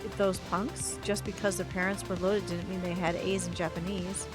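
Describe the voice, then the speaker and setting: A woman's voice: fairly low pitch, normal speed, music in the background. Woman narrating a story game expressively. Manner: expressive reading with asides and stumbles. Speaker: streamer reading a story game. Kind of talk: reading narration aloud with chat.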